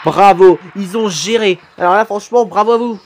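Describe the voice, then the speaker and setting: A man commenting live on videos his subscribers made, excitable and quick to exclaim and swear. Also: high voice. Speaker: YouTuber reacting to fan animations.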